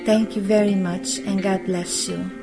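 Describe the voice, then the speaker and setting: Romanian lady doing a charity appeal, real slow, earnest, guitar playing behind her. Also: medium pitch, flat delivery, creaky, low-quality recording. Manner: slow, plain, earnest, non-native grammar. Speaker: charity founder. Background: guitar music.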